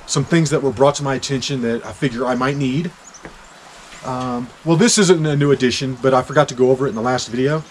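Reviewing hiking gear on an outdoor winter deck, a Kansas man in his forties speaks fairly quickly at a medium pitch. This hiking vlogger chats and jokes, gets excited in bursts, and has a little hiss or hum behind him.

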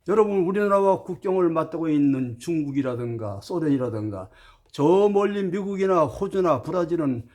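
A man's voice: sits high, a little mellow. A man giving a preachy spoken monologue as a spiritual teacher to his viewers. He lectures emphatically, asks rhetorical questions and swings between formal address and blunt casual talk.

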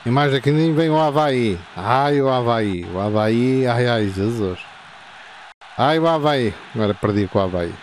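A man, playing a football video game and reacting excitedly, shouting and repeating words. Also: medium pitch, measured pace, a little hiss or hum. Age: 50s.

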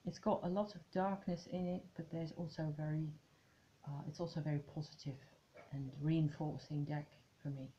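A woman's voice: sits low, steady tone, moderate pace, warm tone, dull audio, a little hiss or hum. A woman vlogging about tarot at home, chatting to camera in a musing way and trailing off into restarts. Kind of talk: casual chat to camera.

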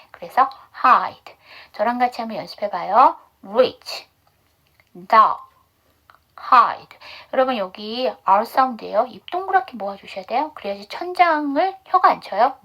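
A woman teaching English pronunciation in an online class, explaining step by step and asking the class quick questions that she answers herself. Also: a little high. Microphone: video call.

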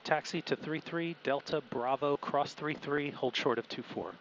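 A man's voice: a little high, normal speed, fairly bright tone, muffled recording, slight background noise. A man speaking as a pilot over the aircraft radio from a small plane cockpit, giving clipped, formulaic readbacks and calls to the tower through a headset. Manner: clipped, formulaic aviation phraseology. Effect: pilot talking over the aircraft radio. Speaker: pilot and flight instructor.

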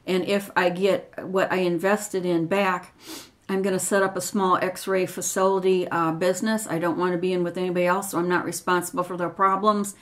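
A woman's voice: lowish voice, flat delivery, a little fast. An older woman, a retired x-ray tech, speaking in a personal video with an earnest, rambling manner, nervous at times. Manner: earnest, rambling, grievance-driven.

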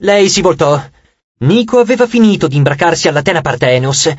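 High-voiced male audiobook narrator. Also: lively intonation, brisk, breathy edge, no echo, muffled recording. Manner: dramatic storytelling. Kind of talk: scripted narration.

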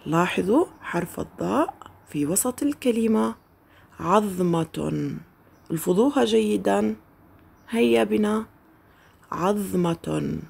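Female early-grade teacher, husky with some vocal fry, patient and deliberate, models each word slowly. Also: mid-range voice, a little mellow. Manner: slow, drawn-out modeling of words for children to repeat. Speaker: first-grade Arabic teacher. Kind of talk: recorded children's lesson.

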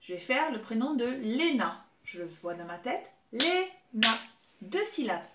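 A woman in her thirties teaching young children remotely, spelling out syllables slowly and clearly as she claps. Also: a little high, sing-song. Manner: slow, clear, exaggerated syllable clapping. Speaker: preschool teacher. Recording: echoey room with faint noise.

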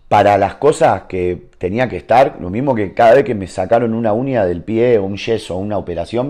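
A man's voice: on the low side, mellow. A young man with a Rioplatense Argentine accent, a football player telling stories in a casual interview at home, rambling loosely and tagging lines with "viste". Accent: Rioplatense Argentine Spanish. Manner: loose, rambling storytelling with many "viste" tags. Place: his home.

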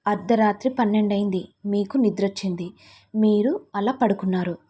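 A woman's voice: mid-range voice, a little fast, warm tone, husky, close to an everyday voice. A woman voicing a young husband who protests his innocence and explains himself step by step. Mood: defensive.

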